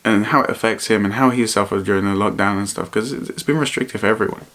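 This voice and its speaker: A man vlogging in a reflective, personal way, speaking earnestly and haltingly and often repeating his phrases. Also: lowish voice, fairly bright tone. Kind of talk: personal vlog to camera, reflective talk.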